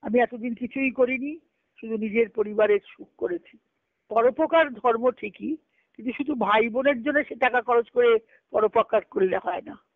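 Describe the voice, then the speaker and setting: At a normal speed and in a fairly high voice, a woman reads letters aloud during a group conference call, explaining them didactically and repeating phrases. She is a spiritual discussion speaker. The dry recording comes over a tinny, band-limited phone line.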